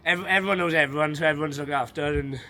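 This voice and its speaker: Fast-talking Welsh valleys man, outdoors. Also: fairly high pitch, pushed and bright. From south Wales valleys. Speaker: local resident being interviewed. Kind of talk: casual street interview. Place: outdoors on a village street. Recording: outdoor street with faint background noise.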